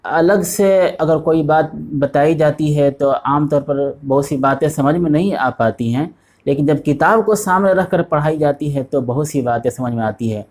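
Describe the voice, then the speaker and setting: A man's voice: on the high side, a little mellow. A man teaching an online language lesson, patiently repeating each word several times. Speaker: Arabic teacher.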